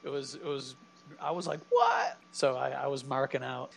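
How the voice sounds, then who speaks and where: A man's voice: medium pitch, flat delivery, fairly quick, creaky. A man co-hosting a podcast, chatting casually and telling rambling stories with laughs. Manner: rambling storyteller, laughs often. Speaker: podcast co-host. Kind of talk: casual chat.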